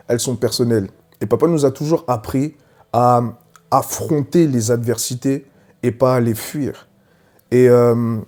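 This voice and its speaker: A man giving his conversion testimony to a congregation, telling it dramatically and swinging from hushed words to loud cries. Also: medium pitch.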